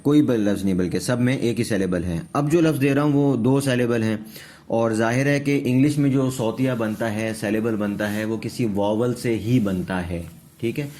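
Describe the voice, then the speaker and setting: A man teaching a pronunciation lesson, slowly repeating example words and checking understanding as he goes. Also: mid-range voice, warm tone. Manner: slow, repeats words for drilling, checks understanding with tag questions. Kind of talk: classroom-style lesson.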